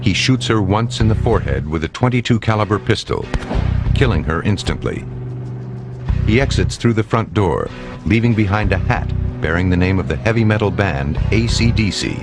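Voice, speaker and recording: A man's voice: lowish voice, animated, moderate pace. A man narrating true crime from a script in a dramatic, ominous horror trailer voice. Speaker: documentary narrator. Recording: loud music under voice. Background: loud music.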